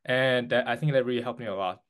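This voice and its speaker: An earnest young Taiwanese-born man in his 20s answers interview questions as a guest. His mid-range voice is a bit bright, and he speaks haltingly with restarts and fillers.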